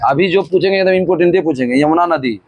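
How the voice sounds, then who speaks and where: A man, a teacher running a loud rapid question-and-answer drill in a classroom. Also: fairly high pitch, lo-fi sound, heavy background noise. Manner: loud call-and-response quizzing, often shouting. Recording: loud classroom crowd chanting along. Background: students answering in chorus.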